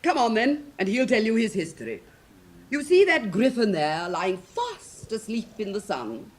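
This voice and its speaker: A woman's voice: mid-range voice, sing-song, measured pace. Imperious, swooping Queen of Hearts. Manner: imperious, commanding. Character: bossy, bloodthirsty, bad-tempered storybook queen. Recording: noisy 1950s record.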